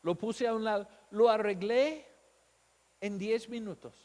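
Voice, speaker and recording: A man's voice: high-pitched, measured pace, a little mellow, long reverb tail. A man preaching a sermon as a pastor, telling his own story, asking rhetorical questions and acting out the voices of doubters.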